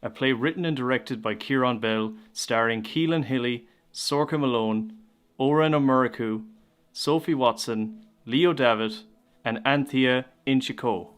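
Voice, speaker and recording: A man's voice: mid-range voice, measured pace. An Irish man giving a formal introduction before a live stage production. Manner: clear, formal announcing. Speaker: announcer. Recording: faint music behind.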